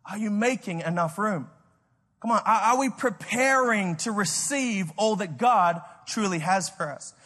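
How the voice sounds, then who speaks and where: Speaking a little slowly, this Australian man gives a sermon built around his own story, his high, bright voice echoing in a big reverberant hall. He's energetic, stumbles on repeated words, and chuckles at his own humor.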